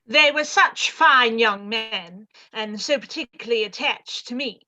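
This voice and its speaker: An actress playing an imperious, domineering aristocratic older lady with a haughty, drawn-out, condescending manner, in a live-read radio play. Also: a little high, bright, forceful tone, rough recording.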